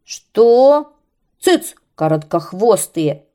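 A woman's voice: fairly low pitch, animated, measured pace, warm tone. A woman voicing a boastful, grumbling male paper kite in a children's story. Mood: grumpy.

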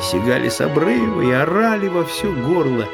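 A man reading a children's story aloud, narrating in a calm, even way. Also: on the high side, normal speed, gravelly. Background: faint music.

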